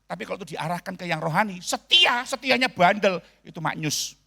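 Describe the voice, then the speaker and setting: A man's voice: sits high, fairly quick, vocal fry. A man pastor preaching a sermon, telling a story with jokes and often addressing the congregation directly. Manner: animated, joking, addressing the congregation. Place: church.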